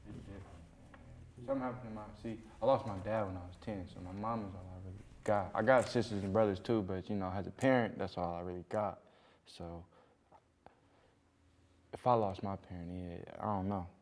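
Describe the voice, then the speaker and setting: Plain-spoken man, lowish voice, echoey room with faint hiss. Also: steady tone, fairly quick, darkish tone. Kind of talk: personal group discussion.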